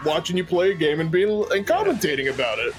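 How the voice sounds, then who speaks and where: A man's voice: a little high, huge pitch swings, fast, faint music behind. A man in casual chat with friends on a game stream, talking in a jokey, rambling way.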